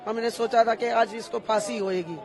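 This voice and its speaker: A woman's voice: on the high side, fairly even intonation, normal speed, crowd noise. A middle-aged woman in a street interview, insistently repeating her demand for justice as a victim's daughter.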